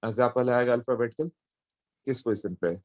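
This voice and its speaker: A man's voice: medium pitch, fairly quick, darkish tone, no room sound. A man teaching a chemistry lesson, explaining step by step and checking in with his students as he goes. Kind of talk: classroom lecture.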